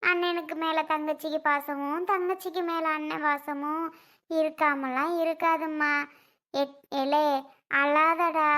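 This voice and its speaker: A woman's voice: high-pitched, level tone, unhurried, pushed and bright. A woman voicing a loving mother who tenderly consoles her grown son. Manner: tender, coaxing.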